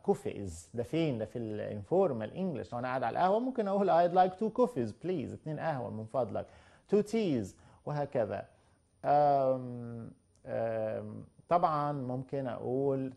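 Gravelly Egyptian man teaching English. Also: mid-range voice, dark tone. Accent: Egyptian Arabic. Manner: slow drawn-out English examples, quick Arabic asides. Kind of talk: explaining English lesson to beginners.

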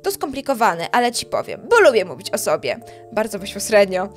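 A woman's voice: mid-range voice, big pitch swings, fairly quick, soft background music, pitched below the performer's own voice, close to an everyday voice. A woman voicing a selfish young ghost witch girl in a game, whiny, petulant and pushy. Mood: bratty.

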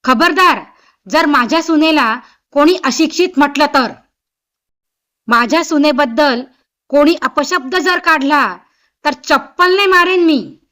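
A stern, sharp-tongued mother-in-law scolds and gives orders in a fairly high voice, as a woman narrator reads her part. She is commanding and quick to find fault in this spoken family story. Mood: furious.

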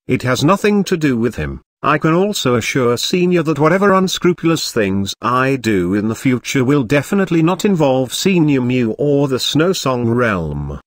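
A man reading the lines of a quiet, resolute young woman cultivator in a soft, gentle, even voice. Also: mid-range voice, dry recording, studio quality, natural voice.

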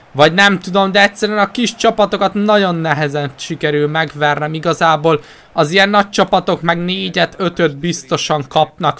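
Higher-voiced Hungarian man, casual gameplay commentary. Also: sharp tone. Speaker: gaming video host.

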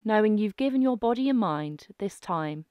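A woman narrating a guided breathing meditation in a gentle, calming manner. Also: mid-range voice, dry recording, studio quality. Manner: slow, gentle, calming delivery with soft phrasing.

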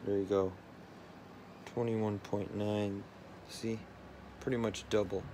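Against a noisy background, a tech vlogger takes his time describing his gear from behind the camera. His voice is lowish and level. Phones and routers clutter the room, and his explanation stays loose and full of fillers.

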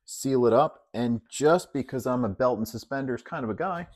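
Relaxed man explaining grilling steps. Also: medium pitch, moderate pace, dry recording. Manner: relaxed, step-by-step with fillers. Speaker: home cook. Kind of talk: casual cooking demonstration. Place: outdoors at a grill.

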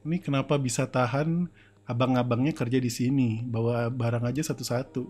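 A man's voice: medium pitch, steady tone, a little fast, darkish tone, faint music behind. A young man doing casual, playful game commentary from home, joking about himself and breaking into screams and laughter. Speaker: streamer.

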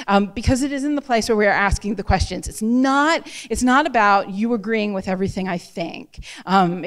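A woman author addresses an audience in a room with a long, ringing reverb. She rushes her words, restarting sentences and filling pauses with "um." Her pitch sits in the ordinary middle range. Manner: fast, chatty, self-deprecating, many fillers and restarts. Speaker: author speaking at a library event. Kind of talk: public talk to an audience. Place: event room before an audience. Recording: reverberant hall.

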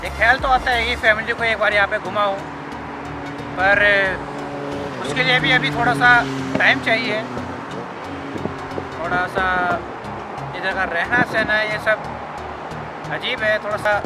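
A man's voice: sits high, unhurried, pauses often. A man answering questions in a plain, reflective way while his friends look on. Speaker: interviewed friend. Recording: loud background music.

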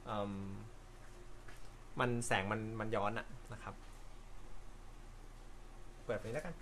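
A man hosting a casual live stream from an indoor room, reading viewer comments in a relaxed, chatty way with frequent light laughter and apologetic asides. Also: lowish voice, slow pace, slight background noise. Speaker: host.

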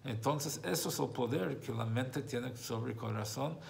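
A man's voice: mid-range voice, unhurried, gravelly, a little hiss or hum. A man, a rabbi, teaching a religious text class, who explains by repeating and rephrasing his points and tells a story along the way.

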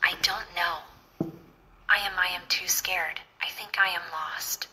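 A woman's voice: fairly low pitch, steady tone, slow, sharp tone, heavily acted, low-quality recording. A woman voicing a frightened young woman driving alone at night, asking pleading, panicky questions.

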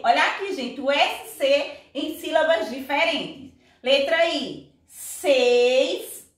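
A woman teacher takes her class through the material slowly and patiently. Her voice sits high and she keeps asking whether everyone understands. The sound is echoey and comes from some distance away. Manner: patient, checks understanding with repeated questions. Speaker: Portuguese teacher. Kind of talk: recorded class lesson.

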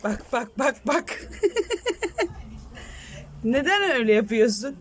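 Slow, singsong mother coaxing a toddler. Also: fairly high pitch, expressive. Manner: coaxing, praising and scolding gently. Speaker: mother playing with her toddler. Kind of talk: home video talk to a small child.

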